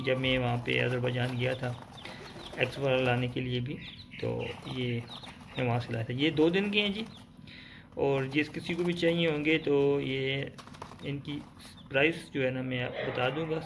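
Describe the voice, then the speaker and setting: A man's voice: on the high side, background noise. A man, a poultry breeder hosting his channel, walking through a small chicken coop with a handheld phone. He talks casually and hesitantly, often adding "ji" and "mashallah". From Pakistan. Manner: repeats filler "ji" and "mashallah", hesitant pauses. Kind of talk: casual sales walkthrough video. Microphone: phone camera held while filming.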